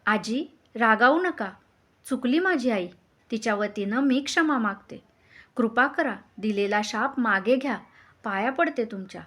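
A woman voicing a gentle young princess who pleads slowly and earnestly in a folk tale. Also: a little high, lively intonation. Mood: imploring. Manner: slow, imploring.

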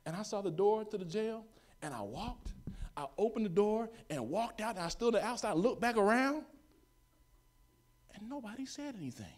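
A man preaching a sermon to his congregation, animated and storytelling, calling for amens and dropping to hushed tones. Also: high voice, normal speed. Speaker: pastor.

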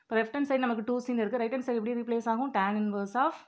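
A woman with a voice on the high side teaches an exam-prep maths lesson, going through formulas step by step. She reads each term slowly and deliberately.

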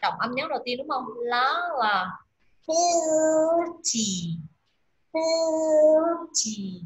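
A woman teaching pronunciation, drilling words aloud and repeating each one slowly. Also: fairly high pitch, lively intonation, pushed and bright, muffled recording. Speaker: English teacher. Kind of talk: pronunciation lesson.

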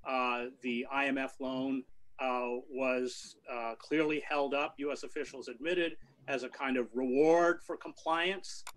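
A middle-aged man answering a press question over a video call from a book-lined study, firm and measured with many fillers. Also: mid-range voice, fairly even intonation, a bit bright, low-quality recording. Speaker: panelist. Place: home study with bookshelves. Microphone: video call webcam.

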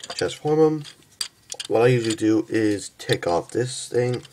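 A young man casually reviewing and transforming a toy figure, halting and stumbling over his words, tired from just waking up. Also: mid-range voice, expressive, noisy background. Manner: halting, stumbles and restarts often.

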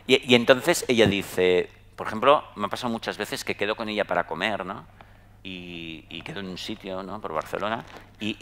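A middle-aged man from Spain with a Spanish accent, giving a talk to an audience in a chatty, storytelling way, often tagging his sentences with quick questions. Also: fairly low pitch. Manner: conversational, tag questions, lively storytelling. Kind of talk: anecdotal talk to a live audience.

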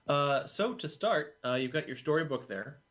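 A man's voice: a little high, lively intonation, moderate pace, fairly bright tone. A man casually explaining how a board game works, with a hesitant, filler-laden way of talking.

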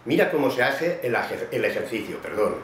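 A man's voice: medium pitch, very animated, brisk, reverberant, a little hiss or hum. A man giving a vocal technique lesson, explaining patiently and speaking to his student by name. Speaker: voice teacher.

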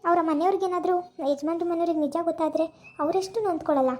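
[name], a woman voicing an insistent young wife, scolding questions, very high voice, brisk rapid delivery, amateur village drama. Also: steady tone, darkish tone. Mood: earnest.

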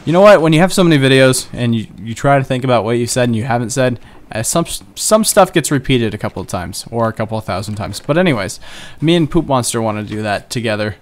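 Fast and barely pausing, this young man's mid-range voice has lively intonation as he narrates his own computer game. It's casual Let's Play commentary from a gaming channel host, chatty, rambling, and self-mocking.

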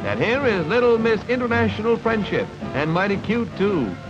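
A man's voice: high-pitched, sing-song, moderate pace. Give me a 1940s newsreel narrator, man. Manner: breezy, jocular announcer patter. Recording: dull lo-fi 1940s newsreel film sound with music.

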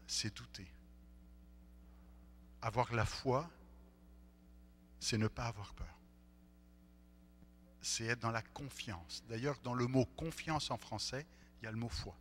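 Man, pastor, lively sermon, bright forceful voice, long church-hall echo, faint hum. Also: medium pitch. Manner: animated, acts out the disciples' voices.

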